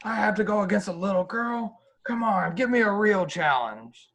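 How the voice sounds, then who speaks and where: A man's voice: high voice, expressive, moderate pace, a bit bright, pitched above the performer's own voice, exaggerated voice. A man voicing a cocky human wrestler who trash-talks his opponent in a tabletop game. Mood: scornful. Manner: mocking, dismissive.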